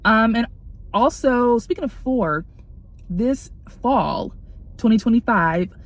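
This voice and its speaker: A young woman doctoral student chatting in a casual vlog, excited and grateful, laughing often and sometimes whispering in a library study room. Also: a little high, slow. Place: walking outdoors, then a library study room.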